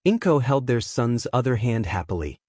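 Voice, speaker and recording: A man reading a fan story aloud as a narrator, in a steady, even storytelling manner. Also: medium pitch, normal speed, dry recording, clean studio sound.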